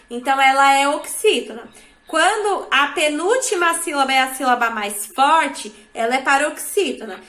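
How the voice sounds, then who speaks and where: A schoolteacher with a Brazilian Portuguese accent talks her pupils through an exercise step by step, pausing often to check they understand. Her voice sits high and sounds clear and bright. It carries the hollow ring of a classroom. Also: roomy sound. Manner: patient, checks understanding with frequent tag questions. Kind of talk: classroom instruction.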